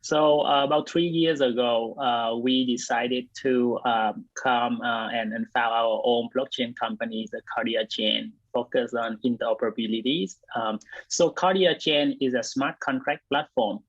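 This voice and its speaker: A Vietnam-born man, guest and co-founder and CTO of a blockchain company, gives casual interview answers hesitantly, full of fillers and restarts. His mid-range voice has fairly even intonation and an unhurried pace. The sound is dry and lo-fi, with no room sound.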